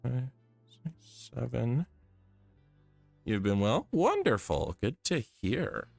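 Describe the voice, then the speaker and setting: A man's voice: mid-range voice, wildly swooping pitch, slow, vocal fry, dry recording, soft background music. A tired man with his voice a bit off, chatting casually with viewers while he draws on a live stream. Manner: chatty, thinks aloud while drawing. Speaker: art streamer.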